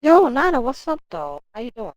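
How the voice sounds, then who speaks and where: A woman's voice: high-pitched, normal speed, dry recording, rough recording. A woman livestreaming from home, ranting in casual talk, swearing and speaking straight to her chat. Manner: animated, profane ranting.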